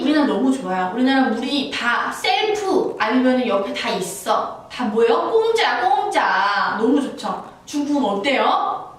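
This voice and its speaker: Chatty woman teaching phrases in a roomy space. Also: fairly high pitch. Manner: chatty, playful, acts out little scenes with laughs. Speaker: Chinese language teacher. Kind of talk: casual language lesson. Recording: roomy, from a distance, faint background noise.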